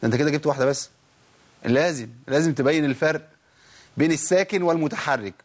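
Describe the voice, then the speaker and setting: A man with an Egyptian accent teaching Quran recitation on a program, asking himself questions and answering them, and sounding out letters slowly as examples. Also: on the high side. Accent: Egyptian Arabic. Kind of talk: televised recitation lesson.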